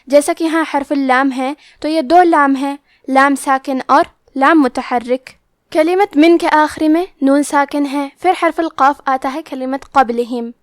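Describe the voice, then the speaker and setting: A woman teaching Quran recitation, explaining the rules of each letter step by step and reciting verses slowly. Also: high voice, no room sound, studio quality. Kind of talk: tajweed lesson with slow recitation.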